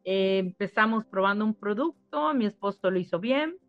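Woman, middle-aged, chatty testimonial, repeats herself, mid pitch. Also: animated, moderate pace, no echo. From Mexico. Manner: emotional storytelling, repeats phrases. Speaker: spa owner giving a testimonial. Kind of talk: casual testimonial interview. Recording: dull lo-fi sound with faint music.

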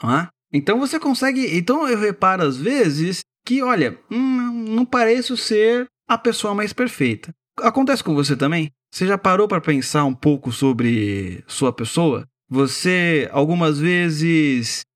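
Lively high-voiced Brazilian man musing. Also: a little slow, few pauses. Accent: Brazilian Portuguese. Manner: conversational, keeps asking the listener rhetorical questions. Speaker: podcast host.

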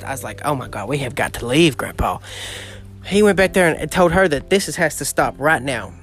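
A man, telling a story in a dramatic, exclamatory, gossipy way as a podcast host on his porch. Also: on the high side. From southeast Missouri. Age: late teens. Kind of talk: casual storytelling monologue. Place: outdoor porch.

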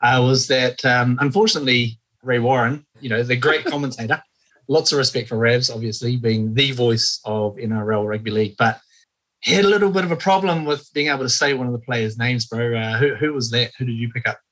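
A man's voice: mid-range voice, fairly quick, a bit bright, low-quality recording. A man with a Maori-influenced New Zealand accent, hosting a casual sports podcast chat. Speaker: podcast host.

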